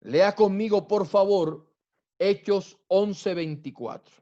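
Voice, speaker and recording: A man with a Colombian accent, a pastor preaching a teaching sermon slowly, repeating key words and swinging from loud to soft. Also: sits high, dull audio. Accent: Colombian Spanish. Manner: slow teaching delivery with repetition and wide swings in loudness. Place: church sanctuary.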